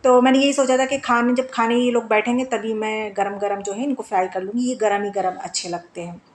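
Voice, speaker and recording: Chatty home-vlog woman in her thirties, easy laughter, slightly high pitch, faint noise behind. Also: steady tone, brisk. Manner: chatty, laughs often, many fillers. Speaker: home vlogger. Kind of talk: casual home vlog narration.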